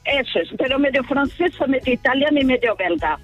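A woman's voice: high-pitched, lively intonation, brisk, dull audio, over loud music. A woman from the Basque Country calling in from her car, chatting casually and telling a story with animation. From Bermeo, Basque Country, Spain. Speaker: caller. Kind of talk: casual phone-in chat.

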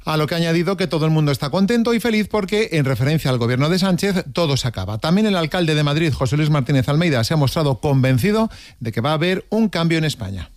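A man from giving a radio news report in a fast, clipped delivery. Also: a little high, expressive. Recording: dry close studio sound.

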